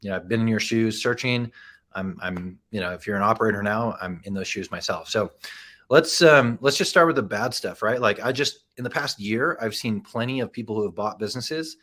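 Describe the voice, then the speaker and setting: A man's voice: fairly low pitch, a little fast, fairly bright tone. A man in his thirties giving a conversational educational presentation on business, often checking in with the audience with "right?" and loose fillers. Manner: casual, frequent "right?" and "um" asides. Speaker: presenter and accounting firm owner.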